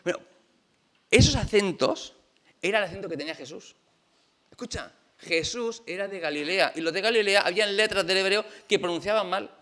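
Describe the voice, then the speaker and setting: Chatty pastor, bright voice. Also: male voice, sits high, normal speed. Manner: lively, chatty, rhetorical questions to the congregation. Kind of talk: conversational sermon. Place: church.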